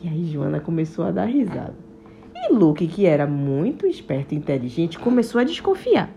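A woman telling a children's story in a soft, measured way. Her voice is gravelly and moves over a wide pitch range. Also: big pitch swings, muffled recording, a little hiss or hum.

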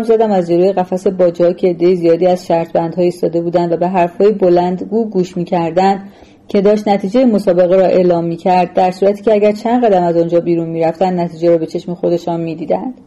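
A woman reading a novel aloud as narrator in a measured, even storytelling manner. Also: lowish voice, dull audio. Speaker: audiobook narrator. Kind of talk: scripted literary narration.

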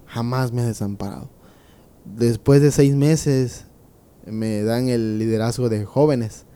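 A young man giving an earnest, casual conversion testimony, going softer and slower at emotional moments. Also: mid-range voice, steady tone, smooth. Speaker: interviewee sharing a conversion testimony.

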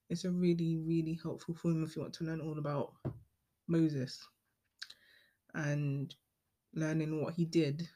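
Late-teen woman, relaxed solo podcaster, chatty and meandering, corrects herself often. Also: low voice. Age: late teens. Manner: chatty, rambling, many ums and self-corrections. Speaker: podcast host. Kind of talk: casual solo podcast monologue.

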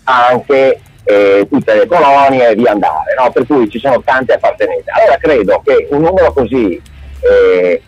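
A man's voice: mid-range voice, animated, normal speed, a little mellow, no echo. A man from Padua calling into a radio show on speakerphone, talking hesitantly and repeating words as he searches for them. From Padua, northern Italy. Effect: on speakerphone over a phone call. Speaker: radio caller. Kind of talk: casual call-in chat. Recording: dull, lo-fi speakerphone line.

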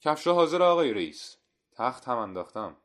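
A man's voice: fairly low pitch, lightly acted. A man doing a humble friendly shoemaker. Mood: obliging. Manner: deferential and hospitable. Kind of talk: audio story reading.

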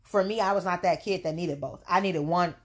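A young adult woman co-hosting a casual podcast chat, talking in an animated, emphatic way. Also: on the low side, fairly quick. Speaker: podcast co-host.

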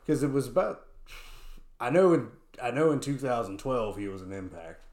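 A man's voice: mid-range voice, normal speed, a little mellow, reverberant. A man in casual podcast chat who rambles and repeats himself, saying "you know" often. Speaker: podcast co-host.

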